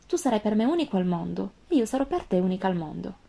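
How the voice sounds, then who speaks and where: In a storybook reading, a woman voices a gentle, wise female fox in a calm, earnest tone. Her voice is mid-range and gravelly, and she speaks fast.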